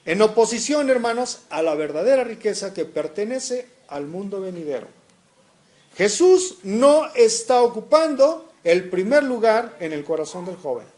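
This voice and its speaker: Male preacher, high animated voice, questions the congregation, reads scripture. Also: moderate pace. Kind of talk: sermon.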